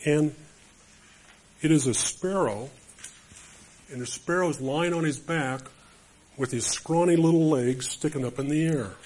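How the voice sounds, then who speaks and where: A man's voice: mid-range voice, a little mellow. A man preaching a sermon to a group of men, emphatic and storytelling. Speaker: speaker to men.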